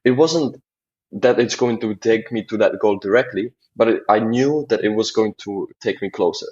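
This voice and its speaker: A young man from the Czech Republic talks as a podcast guest, earnest and rambling. His voice sits a bit low and sounds husky. The audio comes through dull and lo-fi. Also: normal speed, a little mellow. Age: 20s. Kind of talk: casual interview talk.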